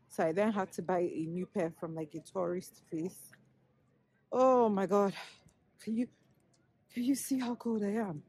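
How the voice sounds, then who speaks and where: A woman's voice: mid-range voice, dark tone, husky. A tired, sleepy woman chatting to camera in a rambling, self-correcting way as a vlogger outdoors in the cold. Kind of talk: casual vlog chat to camera. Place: outdoors in cold city streets. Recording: noisy street recording.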